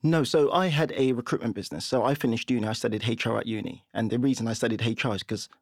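A man, a guest telling lively stories in a casual podcast interview and laughing often. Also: medium pitch, fast talker, no room sound, clean studio sound. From London, England. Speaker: guest, property investor.

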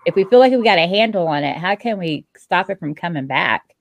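A woman's voice: lowish voice, lively intonation, a little fast, gravelly, no room sound. A woman in her fifties hosting a casual interview, chatty and frank, laughing often. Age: 50s. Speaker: podcast host.

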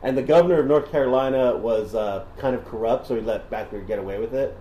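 A man's voice: mid-range voice, fast, dark tone, slight background noise. A man co-hosting a casual history podcast, telling the story in a slangy, filler-heavy way. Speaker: podcast co-host. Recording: roomy room echo.

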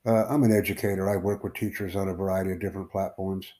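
A man from the United States hosting a live stream, chatting casually with strangers in a rambling, halting way full of fillers. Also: sits low, steady tone, dark tone, slight background noise. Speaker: livestream host.

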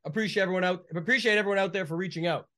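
A man's voice: sits high, very fast, pushed and bright. A man co-hosting a golf podcast, chatting casually about sport in loose, run-on, clipped phrases. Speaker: co-host of a golf betting podcast.

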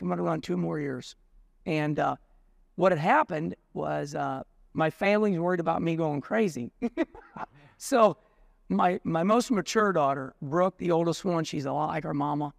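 Older guy hosting a racing chat, gravelly and kinda high, acts out the quotes as he tells stories. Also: dry recording, clean studio sound. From United States. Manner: animated storyteller, acts out quotes. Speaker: show host, racer. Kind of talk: casual conversation.

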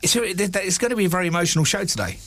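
Lively, higher-pitched man hosting a podcast. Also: racing, dry recording. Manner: reflective, asks questions to steer the talk. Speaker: podcast host. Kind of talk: casual chat.

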